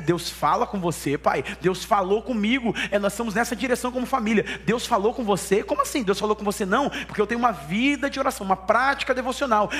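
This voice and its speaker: A man preaching a sermon, telling stories and acting out dialogue. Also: on the high side. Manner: animated storytelling, acts out dialogue. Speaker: pastor.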